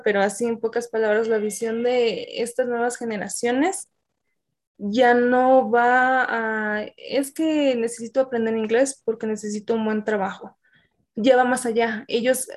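A woman talks casually as an English teacher in an interview. Her voice sits a bit high, and she explains things at length, padding her talk with fillers. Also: a little mellow.

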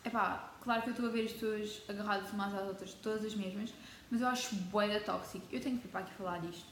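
Teen girl vlogger, European Portuguese accent, chatty and dramatic, mid-pitched voice, roomy echoey sound. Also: fairly even intonation, fast, a little hiss or hum. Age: teens. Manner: chatty, dramatic, mixes in English words. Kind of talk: casual chat to camera. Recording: echoey room with faint ambience.

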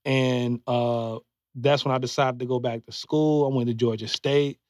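A man's voice: medium pitch, fairly even intonation, moderate pace, darkish tone, dry recording. A man in his forties in casual podcast chat, talking loosely with many fillers and restarts while giving earnest advice. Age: 40s. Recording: dull, slightly muffled dry recording.

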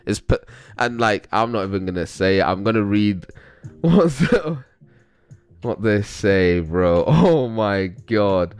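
Chatting loosely in slang with a London accent, a young male vlogger offers commentary and keeps dissolving into chuckles. His clear, resonant voice sits on the low side and sounds animated, unhurried, with frequent pauses.

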